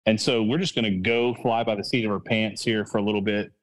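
Rambling man, low voice. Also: fairly even intonation, fast talker, rough recording. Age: adult with a child. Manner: rambling, full of restarts and self-corrections. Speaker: podcast host. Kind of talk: casual sports chat.

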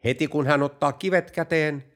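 A man hosting a joke podcast, telling jokes in a dry, deadpan way. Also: on the high side. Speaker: podcast host.

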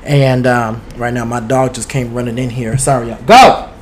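Male podcast host, mid-pitched, sassy gossip chatter, streaming from home. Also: level tone, moderate pace, a little mellow, slight background noise. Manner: sassy, outspoken, swears freely; talks straight to listeners. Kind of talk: casual gossip chat. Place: home studio. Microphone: streaming with two cameras.

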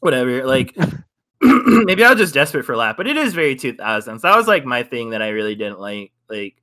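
Rambling young man, bright voice. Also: medium pitch, sing-song, brisk. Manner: rambling, hedging with lots of "like", laughs often. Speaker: podcast co-host. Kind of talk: casual film review chat.

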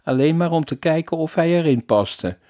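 A man reading a children's story aloud in an expressive, animated storytelling manner. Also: fairly high pitch, moderate pace.

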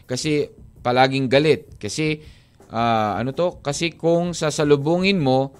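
Filipino male radio DJ, smooth clear voice, slightly high, joking banter. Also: unhurried. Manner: reads listener texts aloud, joking. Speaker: radio DJ host.

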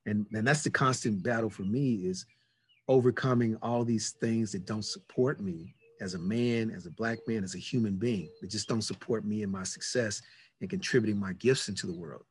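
A man's voice: fairly low pitch, moderate pace, slight background noise. A man in his fifties hosting a reflective conversation, earnest and repeating key words for emphasis. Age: 50s. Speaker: podcast host.

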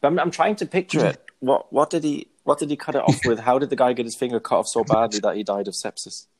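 A man chatting casually as a podcast co-host, hesitant and joking in a dry, deadpan way. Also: medium pitch, quick pace, rough recording. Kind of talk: casual chat.

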